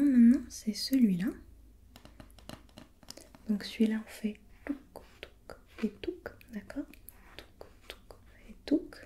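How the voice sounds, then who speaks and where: Slow, whispering preschool teacher played by a woman, whispered role-play. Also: mid-range voice, a little hiss or hum, natural voice. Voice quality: soft, breathy whispering. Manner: patient, encouraging, softly repeating. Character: gentle, patient female preschool teacher counting with a child.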